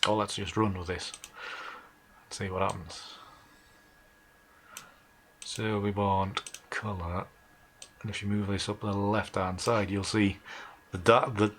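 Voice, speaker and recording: Hosting a casual live photo-editing session, a Northumbrian English man thinks aloud informally as he works, speaking slowly with long pauses. His voice is on the low side with fairly even intonation. Keyboard and mouse clicks are clearly audible as background noise.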